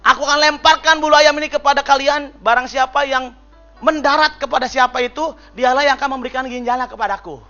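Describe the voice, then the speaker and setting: A frail old emperor, ill and worn out, speaking slowly and weakly, as a preacher puts him on. His voice is high and bright, but soft and drained of force. The sound is slightly dull, with faint music behind. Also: exaggerated voice. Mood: announcing. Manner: slow, feeble, low voice. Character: sick, weary old emperor, soft-spoken.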